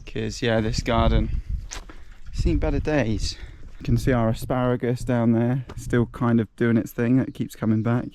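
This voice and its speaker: A man's voice: medium pitch, steady tone, a little slow, warm tone, a little hiss or hum. A man hosting a family vlog, chatting in an upbeat, easygoing way while he walks around outdoors on a rural farm. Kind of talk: casual vlog narration.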